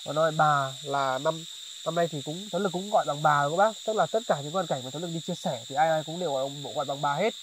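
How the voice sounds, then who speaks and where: A man hosting a charity vlog outdoors in a highland village, talking politely to viewers with many fillers. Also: fast talker, noisy background. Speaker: charity vlogger. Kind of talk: vlog narration and chat on location.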